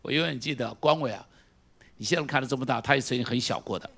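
Animated middle-aged male pastor preaching. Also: medium pitch, quick pace, vocal fry. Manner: animated, swings from quiet storytelling to shouted exhortation; asks the congregation repeated direct questions. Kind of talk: sermon.

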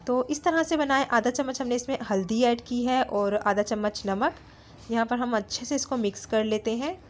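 A woman's voice: a little high, normal speed, a little hiss or hum. A woman, narrating a home cooking recipe as a channel host, in a friendly, instructive way with small fillers. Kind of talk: step-by-step cooking voice-over. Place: home kitchen.

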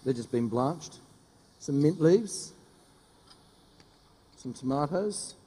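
A middle-aged man, a chef giving a brisk, joking live cooking demonstration on a studio stage. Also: a little high, animated, warm tone, husky, long reverb tail. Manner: brisk, joking, teases the audience. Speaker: chef doing a cooking demo. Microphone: headset mic.

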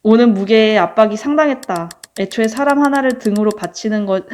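A woman reading story-game narration aloud in a plain, steady way. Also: a little high, brisk.

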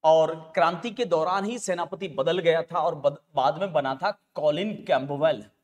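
A history teacher in his forties, his throat sore and his voice on the high side, lectures exam students at a green board in an indoor studio classroom. He speaks deliberately, repeats key phrases, and makes asides to the class, all picked up on a clip-on lapel mic.

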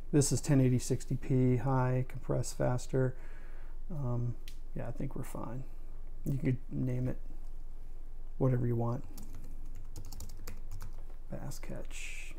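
A man explaining video editing step by step in a relaxed, conversational way. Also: mid-range voice, slow pace, vocal fry, pauses often, a little hiss or hum. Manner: relaxed, conversational, talks through each step. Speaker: video tutorial maker. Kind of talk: casual screen-recorded tutorial.

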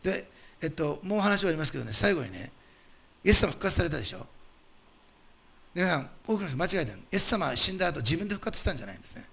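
Guy preaching a sermon, gravelly voice, kinda high, talks fast and punchy, asks the crowd questions. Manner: animated, emphatic preaching with rhetorical questions to the congregation. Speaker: pastor.

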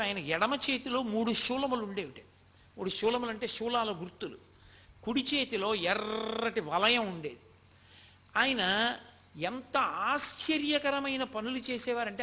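Male devotional speaker, high and bright, storytelling, quotes scripture. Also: lively intonation, normal speed. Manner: storytelling, quotes scripture, addresses listeners directly. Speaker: spiritual speaker. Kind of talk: devotional discourse.

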